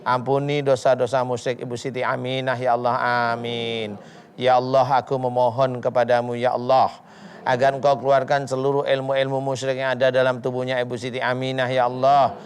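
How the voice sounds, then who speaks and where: A male ustad speaks in a level, even tone with hardly any melody. He counsels briefly, then recites long Arabic prayers at a measured pace. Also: medium pitch.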